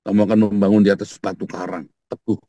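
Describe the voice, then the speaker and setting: A male pastor, giving a casual sermon in blunt, colloquial speech, hammering points through repetition and swinging from quiet asides to loud outbursts. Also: lowish voice, flat delivery, quick pace, dry recording, muffled recording.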